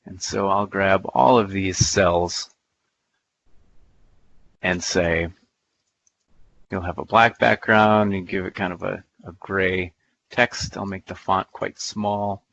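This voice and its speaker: A man giving a live software demonstration in a playful, folksy way, thinking aloud as he clicks through the steps. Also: low voice, steady tone, slow pace, creaky, long pauses, no room sound, lo-fi sound. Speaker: presenter. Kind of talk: live software demo talk.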